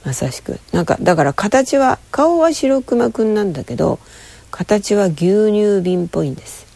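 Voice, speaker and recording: Woman, low gravelly voice, warm mellow tone, animated swooping delivery, chatty storyteller, dry close sound. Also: moderate pace, no room sound. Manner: lively, rambling, with frequent fillers. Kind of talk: casual monologue to camera.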